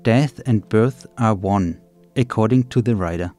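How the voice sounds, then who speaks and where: A man's voice: lowish voice, a little slow, warm tone, faint music behind. A man reading a scripted translation voice-over as narration for another speaker.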